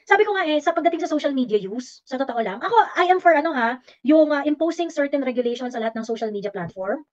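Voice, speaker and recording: A woman's voice: high voice, expressive, fast talker. A woman with a Filipino accent hosting a casual livestream, combative and teasing, mixing English into her talk. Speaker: livestream host. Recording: slightly dull lo-fi audio.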